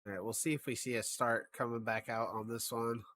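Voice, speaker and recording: A man's voice: medium pitch, level tone, a little fast, fairly bright tone, slight background noise. A man casting an esports match in a casual, chatty way, often thinking aloud and trailing off. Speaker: esports caster.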